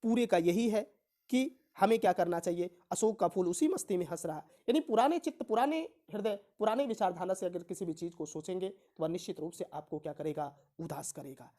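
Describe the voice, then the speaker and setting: A woman teaching an exam-prep Hindi lesson, reading verses slowly and then explaining them, often asking herself a question and answering it. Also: on the low side, mellow. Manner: recites verse slowly with rising emphasis, then explains in plain terms.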